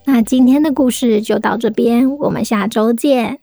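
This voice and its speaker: A woman with a Taiwanese Mandarin accent reads a children's story aloud in a gentle, explaining manner. Her voice sits fairly high but sounds mellow and warm. Faint music plays softly behind her. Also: normal speed, vocal fry, no echo. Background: soft background music.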